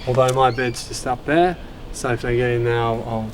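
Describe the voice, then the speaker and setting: Hesitant Australian collector with faint background noise. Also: male voice, mid-range voice, fairly even intonation, fairly quick. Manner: hesitant, with many fillers and restarts. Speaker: record collector interviewee. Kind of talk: casual interview chat.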